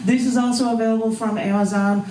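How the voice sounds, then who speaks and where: Fast-talking and warm, this American poet and open-mic host has a voice on the high side with a steady tone, delivering spoken word with casual asides. She's at an indoor bar gallery, captured in a roomy, distant live recording with background noise.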